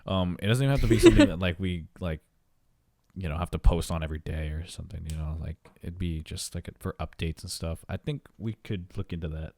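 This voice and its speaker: A man's voice: low-pitched, fast talker, a little mellow, slight background noise. A man co-hosting a podcast, chatting casually and rambling, with repeated words and casual swearing. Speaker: podcast co-host. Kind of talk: casual chat.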